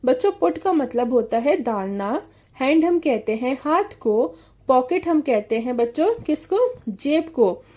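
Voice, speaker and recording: A woman teaching an English story to children, reading lines slowly and then explaining them with questions. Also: high voice, sing-song, mellow.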